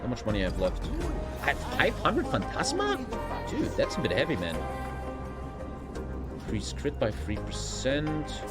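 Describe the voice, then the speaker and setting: A German-accented man speaks in a mid-range voice with huge pitch swings, unhurried and pausing often, over loud background music. He's a live streamer chatting casually over gameplay, rambling, blunt and heavily sweary.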